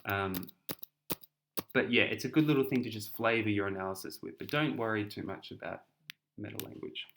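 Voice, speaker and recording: A man's voice: on the low side, fairly quick, fairly bright tone, a little hiss or hum. A young man with an Australian accent explains an essay in a chatty, casual tutoring style, often repeating words and restarting.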